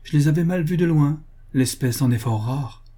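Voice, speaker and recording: A man reading the part of a proud young prince in an audiobook, with a light, mocking tone and a husky voice. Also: fairly high pitch, moderate pace, mellow, voice pushed up, close to an everyday voice. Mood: ironic.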